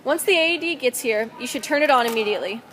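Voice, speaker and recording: A woman's voice: fairly high pitch, expressive, fast talker, a bit bright, poor audio. A young woman presenting a student first-aid instruction video, reading steadily with a few fillers. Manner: reads steadily with some fillers. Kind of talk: scripted instructional narration.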